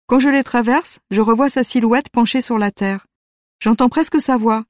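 A gentle teenage class delegate in a storybook, speaking softly and wistfully, as a woman narrator puts her on. The sound is close and dry, with nothing around the voice. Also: fairly high pitch, normal speed, no room sound, lightly acted.

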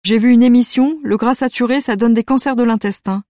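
A woman voicing a teenage schoolgirl who is brisk and lecturing. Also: fairly high pitch, steady tone, warm tone, dry recording, studio quality, close to an everyday voice. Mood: skeptical. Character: teenage schoolgirl, sharp and dismissive.

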